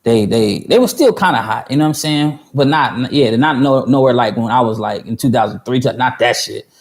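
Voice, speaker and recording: A man in his thirties with a brisk, mid-range voice tells a long, rambling story on a livestream for music producers. He swears, uses lots of fillers and restarts, and stops mid-story to answer viewer chat.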